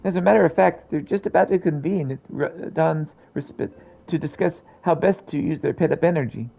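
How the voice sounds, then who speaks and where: A man's voice: a little high, fairly quick, creaky, highs cut off, slight background noise. A man voicing a chirpy, polite, attentive little helper while reading game dialogue. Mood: cheerful, polite. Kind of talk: animated read-aloud of game dialogue.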